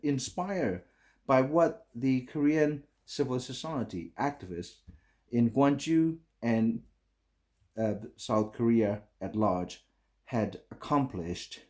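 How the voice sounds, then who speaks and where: A middle-aged man from Burma with a Burmese accent, giving a recorded conference talk in halting English full of fillers and restarts. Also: mid-range voice, animated, a little mellow. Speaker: conference speaker.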